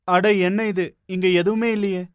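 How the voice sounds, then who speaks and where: A man's voice: high voice, level tone, measured pace, slight background noise. Man voicing a put-upon young cartoon husband. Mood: exasperated. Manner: mild, coaxing, exasperated.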